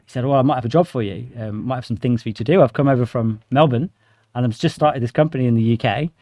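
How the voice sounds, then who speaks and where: Speaking fast in a mellow, mid-range voice, this English podcast guest, a sales director of thirty-nine raised in Shropshire, tells informal stories in a relaxed, conversational way. The recording is dry and sounds dull.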